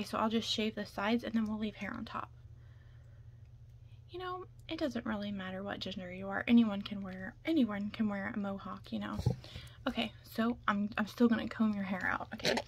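Here a woman half whispers at medium pitch and a moderate pace, pausing often as she acts out a makeup artist for ASMR. Her soft, breathy voice keeps dropping into a whisper, and background noise is clearly audible.

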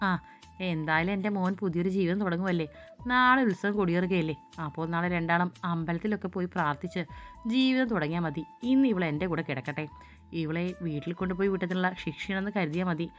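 A woman's voice: on the low side, fast, soft background music, close to an everyday voice. A woman voicing an affectionate middle-aged mother-in-law who speaks in a doting, coaxing way in a storybook reading.

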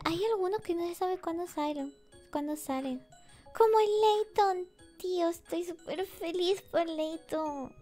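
A woman streamer chatting casually with her viewers in a cutesy, giggly, sleepy and soft voice. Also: extremely high pitch. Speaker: VTuber streamer. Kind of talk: relaxed casual chat with viewers. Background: faint music.

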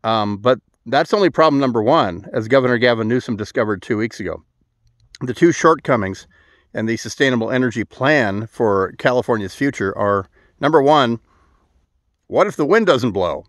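A man's voice: medium pitch, expressive, moderate pace, no echo. A middle-aged man vlogging to a phone held at arm's length outdoors, dry and sarcastic, with many "uh" fillers. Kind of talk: sarcastic to-camera vlog. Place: outdoors at a desert wind farm.

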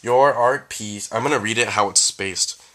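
Guy with a cold doing a casual vlog, stuffy voice, bright tone, goofy while reading stuff out. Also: fairly low pitch, moderate pace. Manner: playful, jokey asides while reading. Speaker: vlogger host. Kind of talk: casual chat, reading letters aloud.

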